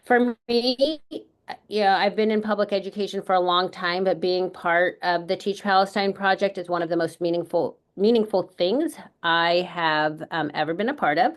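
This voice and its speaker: A middle-aged educator from California, United States, speaks earnestly and in a measured way at a book launch panel. Her voice is lowish, and she pauses often and uses fillers.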